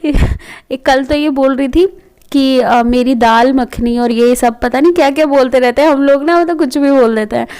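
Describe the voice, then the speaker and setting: A woman's voice: high voice, normal speed, a little mellow. A woman in her thirties, a mother of two, chatting casually as she narrates her day at home in a vlog, with frequent fillers. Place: home, indoors.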